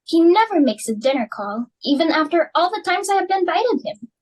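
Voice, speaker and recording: A high, swooping voice of a young woman acting as a fussy society hostess who frets over her dinner party. She talks in a flustered, theatrical way, her pitch leaping up and down as she fusses. It sounds like a stage reading. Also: sing-song, brisk. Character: fussy, status-hungry society hostess and mother. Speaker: student actor. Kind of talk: amateur dramatic reading.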